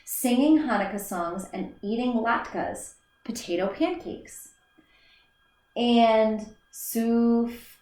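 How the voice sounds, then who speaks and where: In an echoey room, a woman teacher slowly reads a children's book aloud. Her voice is on the high side with a dark tone, and her careful reading includes small slips and restarts.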